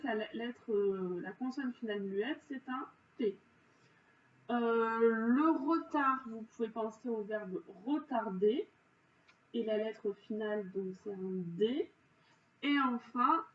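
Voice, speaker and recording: A woman teacher going through spelling exercises, explaining each answer slowly and patiently with frequent pauses and fillers. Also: a little high. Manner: slow, careful, patient explanations with frequent "donc" and "euh". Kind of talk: correcting spelling exercises for pupils. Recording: dull, roomy, distant, faint hiss.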